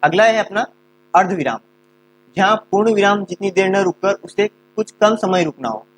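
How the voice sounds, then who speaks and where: A man's voice: high voice, animated, normal speed, slight background noise. A man teaching a grammar lesson, explaining step by step and answering his own questions.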